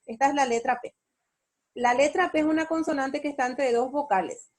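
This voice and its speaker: A university teacher with a Paraguayan Spanish accent and a high voice gives an online spelling lesson. She explains slowly, step by step, and keeps asking rhetorical questions to check understanding.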